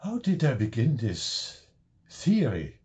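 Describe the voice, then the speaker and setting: An older Dutch-accented man lectures slowly and deliberately over slides about his own paper, adding wry asides, recorded at home on a webcam. His medium-pitched voice swings hugely in pitch and carries a darkish tone.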